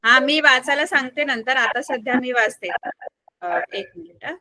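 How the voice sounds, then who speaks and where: Woman teacher, high clear voice, dry close sound, patient explaining, online class. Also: pushed and bright, no echo. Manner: explains slowly, asks children questions. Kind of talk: online class storybook reading.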